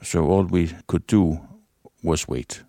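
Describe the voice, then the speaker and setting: An older man, a former detective, recounting a police case haltingly with frequent hesitations. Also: low voice, fairly even intonation, dark tone, dry recording, clean studio sound. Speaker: former detective superintendent, interviewee.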